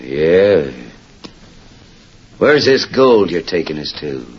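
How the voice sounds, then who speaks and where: An actor playing a gruff, threatening outlaw gang leader in an old radio drama, talking in a drawl. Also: male voice, low-pitched, sing-song, takes it slowly, exaggerated voice. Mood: menacing. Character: snarling outlaw gang leader, middle-aged man. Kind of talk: 1940s radio acting. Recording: dull lo-fi old radio broadcast with faint hiss.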